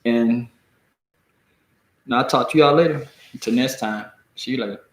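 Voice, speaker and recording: An American man with a deep Southern accent, reading and commenting casually on the news in a halting, folksy, colloquial way. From United States. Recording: echoey room.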